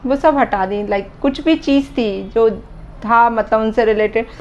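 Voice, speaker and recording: A woman in her thirties vlogging about a loss, talking slowly and heavy-heartedly, her voice dropping low at times. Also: darkish tone, lo-fi sound, slight background noise. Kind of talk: emotional personal vlog talk.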